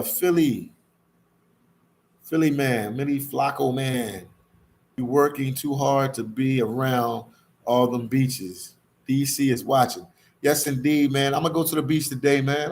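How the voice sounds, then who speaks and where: A man with a mid-range voice speaks a little slowly as he hosts a casual stream, reading viewer comments and chatting in repetitive slang that often calls them "man." Ambient background noise is clearly present.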